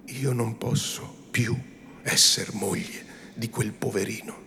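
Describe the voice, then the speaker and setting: A man's voice: lowish voice, fairly even intonation, slow pace, gravelly, noisy background. Man voicing a tearful young devout woman. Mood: tearful pleading. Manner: soft, earnest and imploring.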